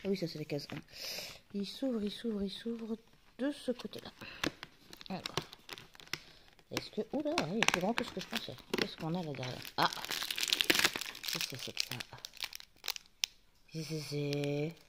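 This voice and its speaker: A woman's voice: medium pitch, expressive, moderate pace, long pauses, heavy background noise. A woman chatting casually to her viewers as she opens advent calendar doors, muttering asides and talking to the camera's focus. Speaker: YouTuber unboxing advent calendars. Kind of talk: casual chat.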